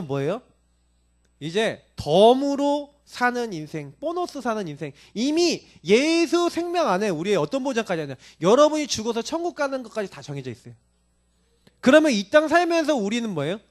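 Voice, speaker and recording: Male pastor, sermon; high voice, very animated pitch, keeps quizzing the congregation. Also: normal speed. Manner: animated preaching with many rhetorical questions to the congregation.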